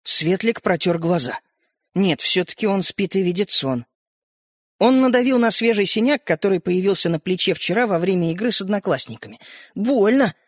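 Man, storybook narration, high lively voice, dry close sound. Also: normal speed, no echo. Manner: expressive, lively reading.

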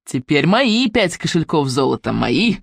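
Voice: medium pitch, big pitch swings, unhurried, vocal fry, dry recording, studio quality, exaggerated voice. Fairy-tale innkeeper woman, greedy and predatory, gloating and shrieking, voiced by the narrator.

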